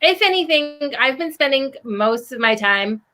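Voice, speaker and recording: A woman's voice: sits high, animated, measured pace, bright, forceful tone, a little hiss or hum, rough recording. A woman podcaster talking earnestly and urging listeners on, in a casual discussion over a video call. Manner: earnest, urging, with many likes.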